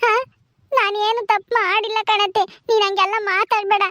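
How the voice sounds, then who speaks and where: Brief: woman as a tearful young wife begging for release, very high whiny voice, dry close sound. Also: flat delivery, moderate pace, bright, forceful tone, no room sound. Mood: pleading. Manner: pleading, whiny. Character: young jailed daughter-in-law, tearful and pleading.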